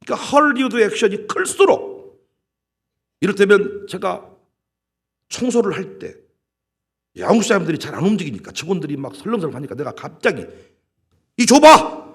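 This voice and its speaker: A male senior pastor preaching a sermon in an animated, emphatic way, acting out scenes as he goes. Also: high-pitched, brisk, long pauses, husky. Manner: animated, emphatic, dramatizes with quoted voices.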